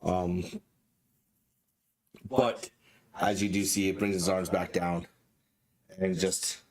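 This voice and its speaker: A man's voice: deep voice, little pitch movement, slow, crowd noise. A man running a tabletop game as dungeon master, narrating in a casual, stop-start way with frequent swearing.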